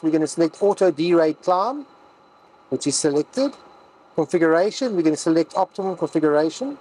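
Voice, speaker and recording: A man's voice: a little high, a little mellow, breathy edge, low-quality recording. A man walking through a cockpit setup as a pilot instructor, reading out each setting step by step in a cockpit. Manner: methodical, reads out settings step by step. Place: aircraft cockpit.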